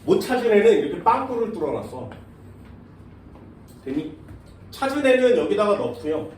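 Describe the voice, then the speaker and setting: Man, science teacher, high voice, distant, echoey classroom. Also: big pitch swings, normal speed, a little mellow. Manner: questioning students often, casual banmal mixed with polite speech. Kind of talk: classroom lecture. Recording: echoey classroom from far off, faint noise.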